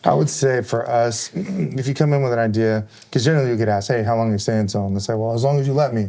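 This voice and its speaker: A man's voice: mid-range voice, quick pace, vocal fry, warm tone. A man on a firefighter panel, chatting casually and rambling with lots of fillers. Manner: rambling, many fillers like "kinda" and "like".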